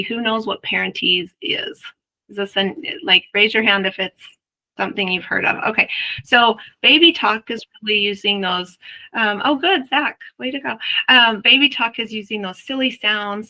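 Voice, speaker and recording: A woman's voice: medium pitch, sharp tone, low-quality recording. A woman, a mother, giving a chatty webinar presentation on early learning, explaining ideas through everyday examples and speaking directly to her audience. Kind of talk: webinar presentation to health workers.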